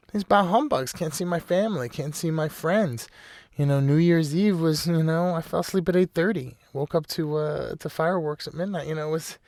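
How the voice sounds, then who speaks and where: A man's voice: fairly high pitch, dry recording, studio quality. A man hosting a casual solo podcast, rambling loosely with lots of "you know" and frequent laughs. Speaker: podcast host.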